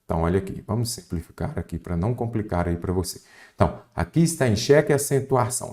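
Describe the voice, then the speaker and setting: A man's voice: medium pitch, a little mellow. A man teaching a grammar lesson for exam candidates, asking the student rhetorical questions and listing example words one by one. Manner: didactic, addresses the student directly with rhetorical questions.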